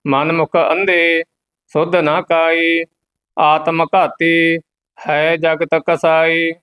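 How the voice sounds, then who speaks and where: Slow, measured man reciting scripture. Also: a little high, completely flat delivery, a bit bright, clear, resonant tone, low-quality recording. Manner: recites line by line, then briefly explains pauses.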